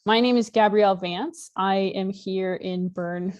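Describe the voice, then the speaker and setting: A woman's voice: medium pitch, fairly even intonation, unhurried, darkish tone. Woman giving an informal online lecture. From Alaska, United States. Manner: friendly, conversational, with occasional fillers. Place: home room with virtual background. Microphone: laptop webcam mic on a video call.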